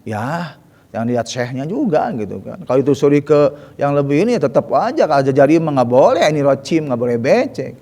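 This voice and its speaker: A man teaching Quran recitation in a relaxed way. He drills Arabic letter sounds, repeating them slowly and correcting them with chatty asides. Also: a little high, big-room sound.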